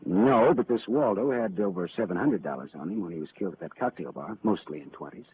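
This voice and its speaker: A tinny 1940s radio recording with some hiss carries a hardboiled American private eye. His low-pitched voice is sardonic and tough, swinging freely as he wisecracks and tells his case. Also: animated, quick pace, husky, exaggerated voice. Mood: wry, probing. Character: wry, tough male private detective narrating his case. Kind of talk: 1940s radio detective acting.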